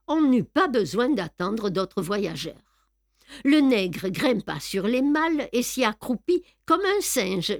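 A woman narrates an audiobook, telling the story in a measured, expressive way. Her pitch is medium, and the studio-quality recording carries no room sound.

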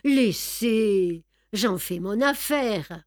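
A woman's voice: medium pitch, expressive, extremely slow, no room sound, studio quality. A woman doing a suave, grandiose prince. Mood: smooth. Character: suave exiled male prince, smooth and theatrical.

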